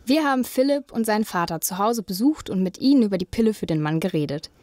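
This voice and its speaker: A young woman co-hosts a student podcast, reading her links smoothly from a script. Her mid-pitched voice is dry and close to the mic. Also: expressive, fast, a little mellow, dry recording. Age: young adult. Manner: smooth, read-from-script linking. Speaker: podcast co-host, journalism student.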